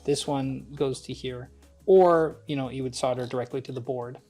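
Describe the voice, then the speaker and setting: Here a man leads a hands-on build tutorial, chatting casually through the process as he goes. His mid-range voice is warm and steady, his pace moderate, and faint music can be heard behind him.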